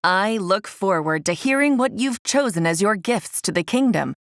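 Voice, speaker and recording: A woman puts on a kindly old-world merman king for a children's storybook. He is stately and formal, speaking to his daughters in a measured way, with a dry sound. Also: mid-range voice, expressive, dry recording, voice pushed down, close to an everyday voice. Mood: proud.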